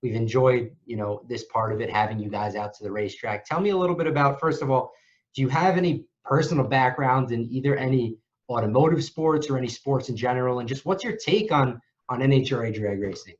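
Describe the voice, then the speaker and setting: A man's voice: medium pitch, dull audio. Upbeat male interview host. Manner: upbeat, quick affirmations. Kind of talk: casual interview hosting.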